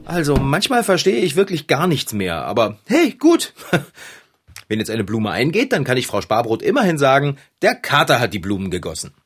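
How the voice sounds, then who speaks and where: An actor playing a good-natured, harried man who lives with a talking cat, in a children's audio play; chatty and easily puzzled, with a husky voice. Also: medium pitch, wildly swooping pitch, normal speed. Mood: bemused.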